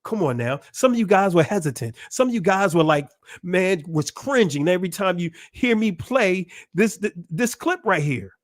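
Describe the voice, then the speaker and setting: A man presents a casual religious teaching talk for a channel, emphatic and repetitive, often asking rhetorical questions and laughing between points. His voice is high-pitched and animated at a moderate pace.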